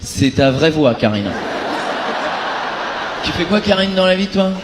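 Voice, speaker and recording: A man's voice: a little high, sing-song, measured pace. A male comedian improvising crowd work, bantering with the audience in a teasing, incredulous way. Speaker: stand-up comedian and host. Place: live comedy venue with audience. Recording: echoey live show, loud audience noise.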